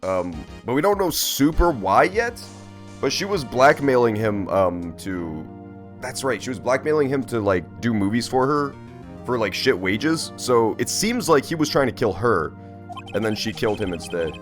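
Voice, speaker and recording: A man with a lively, swinging delivery hosts a casual game stream. He rambles playfully and swears freely, with faint music underneath. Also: mid-range voice, normal speed. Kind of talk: casual live-stream chat with gameplay commentary.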